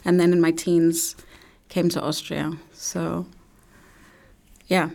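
A woman talks in a radio studio interview. Her voice sits low and stays flat and even, and she pauses and restarts as she searches for the right words. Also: vocal fry. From London, UK. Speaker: guest artist and writer.

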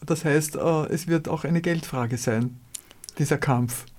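An interviewer asks questions, stopping often on filler sounds. The voice has a mellow, dark tone. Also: medium pitch, a little slow, slight background noise. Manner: hesitant, many filler sounds.

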